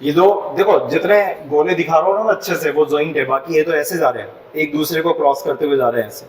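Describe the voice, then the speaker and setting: A fast-talking man with a slightly high voice and an Indian accent teaches civil engineering, blending Hindi with English and repeatedly asking students if they understand. He's far from the mic in an echoey room, with slight background noise and poor audio overall.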